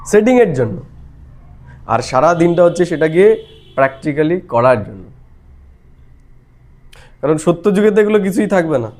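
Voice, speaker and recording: Male spiritual teacher, high-pitched, patient explanatory delivery with frequent rhetorical questions. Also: a little mellow. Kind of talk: devotional explanation of a daily lesson.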